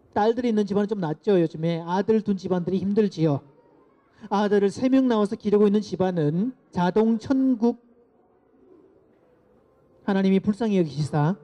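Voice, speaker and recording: A middle-aged man giving a lecture to parents, lively and asking the audience to repeat phrases after him. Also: sits high. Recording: dull lo-fi lecture recording.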